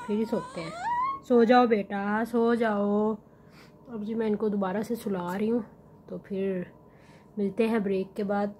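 A young mother vlogging at home, coaxing her babies in soft baby talk and calmly explaining their routine. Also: mid-range voice, slight background noise. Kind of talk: casual home vlog. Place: at home, indoors and in a sunny yard.

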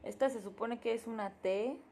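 A woman casually thinking aloud during a live study session, slowly sounding out letters as she writes them. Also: a little high, dark tone. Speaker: language learner streaming her study sessions.

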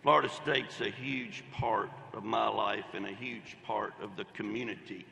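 A man's voice: fairly low pitch, steady tone, normal speed, vocal fry, sharp tone, a little hiss or hum. Older man with folksy storytelling. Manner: folksy, storytelling, Southern phrasing. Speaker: baseball coach giving commencement speech. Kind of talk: ceremonial speech with anecdotes. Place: large outdoor commencement ceremony. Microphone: podium microphone. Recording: echoey reverberant venue sound.

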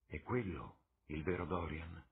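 A man's voice: rumbling low, a little slow. A man voicing an eager, impressionable young man for an audiobook, with an eager, hesitant way of speaking. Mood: eager youthful. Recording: tinny lo-fi with faint hiss.

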